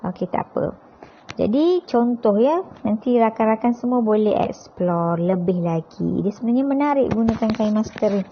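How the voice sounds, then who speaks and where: Speaking at normal speed with a fairly high voice and lively intonation, a Malaysian woman teaches an app in an informal step-by-step tutorial. She's conversational and frequently uses tag questions to check in. The lo-fi recording sounds dull, with slight hiss or hum.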